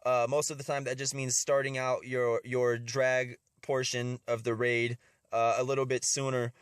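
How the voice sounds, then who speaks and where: A man's voice: medium pitch, level tone, moderate pace, smooth, no room sound, clean studio sound. A man with a slightly stuffy nose from a cold, giving casual gameplay commentary as host of a strategy video and often repeating his words.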